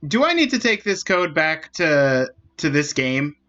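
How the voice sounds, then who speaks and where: Slow, rambling male game streamer. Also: a little high, big pitch swings, sharp tone, highs cut off. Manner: rambling, with frequent restarts and self-corrections. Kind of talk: casual commentary while playing.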